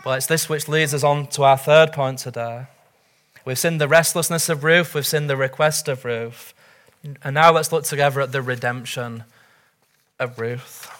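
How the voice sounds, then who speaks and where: A man's voice: mid-range voice, fairly even intonation, moderate pace, a bit bright. A middle-aged man preaching a sermon as pastor, earnest and urgent, full of rhetorical questions.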